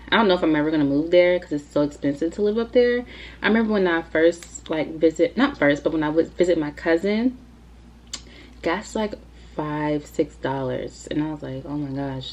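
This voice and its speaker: Her voice is low and rather dark, and the recording has its highs cut off. This YouTuber in her twenties answers questions for a casual Q&A video, chatting to the camera in a rambling way full of filler words.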